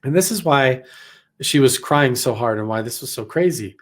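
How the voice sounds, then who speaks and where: A man's voice: medium pitch, expressive, moderate pace. Man from Idaho, casual storyteller, rambling with lots of "like", mid-range voice. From Idaho, USA. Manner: rambling, many "like" fillers, acts out quotes. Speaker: vlogger recounting a personal experience.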